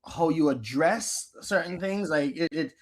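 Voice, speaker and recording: Male DJ guest, lively raconteur, higher-than-average voice, casual interview. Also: measured pace. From Antigua. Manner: animated storyteller, slangy, acts out his own past lines. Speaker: guest DJ and producer.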